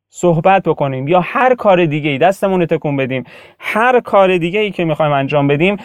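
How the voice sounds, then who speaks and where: A man's voice: a little high, clear, resonant tone, no room sound, clean studio sound. A man teaching an audio lesson, explaining patiently with everyday comparisons and repeating his points. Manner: explains with homely comparisons and repetition. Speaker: instructor.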